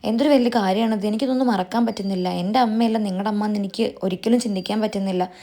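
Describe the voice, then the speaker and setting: A grief-stricken young man pleads in broken-hearted outbursts, as a woman reads his lines. The voice is mellow and warm, sitting at an ordinary pitch. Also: steady tone, quick pace, lightly acted. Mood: distraught.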